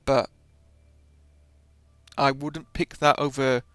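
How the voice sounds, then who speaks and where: A man's voice: mid-range voice, little pitch movement, slow, fairly bright tone, smooth, no echo, clean studio sound. A man hosting a gaming video with casual commentary, often hesitating and correcting himself as he explains.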